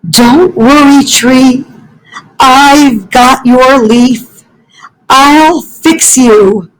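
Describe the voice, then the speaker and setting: An anxious young animal from a children's storybook, acted out by a woman reading aloud. The voice is lifted high and pleads earnestly, stressing words with care and concern for a friend. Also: extremely slow, low-quality recording. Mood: reassuring. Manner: pleading, emphatic.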